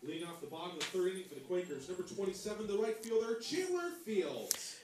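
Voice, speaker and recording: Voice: mid-range voice, sing-song, fast talker. A stadium announcer making formal batting introductions over a public address system, drawing out the names. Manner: echoing stadium announcer delivery, names drawn out. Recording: echoing distant loudspeaker, noisy outdoor ballpark.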